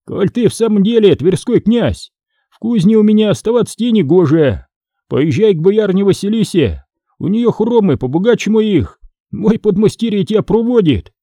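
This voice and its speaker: A man voicing a bold, mocking blacksmith master held in chains, talking loud and scoffing. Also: sits high, lively intonation, normal speed, no room sound, studio quality, voice pushed up. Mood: defiant.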